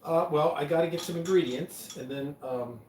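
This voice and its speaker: A man's voice: fairly high pitch, normal speed, a little mellow. A man hosting a casual live show, talking in a hesitant, dry and teasing way. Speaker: live stream host. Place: pub room. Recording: roomy and distant, faint noise.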